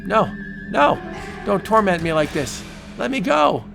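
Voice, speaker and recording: A man's voice: sits high, big pitch swings, a little slow, vocal fry, over loud music, pitched above the performer's own voice, heavily acted. A man voicing a panicking, arrogant doctor's spirit in a melodramatic vintage horror comic book narration. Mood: frightened pleading. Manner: melodramatic, frantic pleading.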